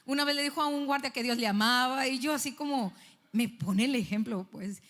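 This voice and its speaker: A young woman, preaching a sermon and telling a personal story with animated, acted-out dialogue. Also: high voice, a little fast. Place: church stage. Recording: church hall with long reverb.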